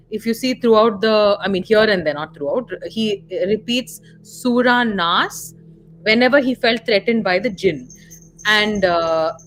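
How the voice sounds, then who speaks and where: Co-hosting a casual film discussion on a live stream, a woman with an Indian accent explains and clarifies points as she goes. Her voice is medium-pitched and a little bright, though the audio quality is poor.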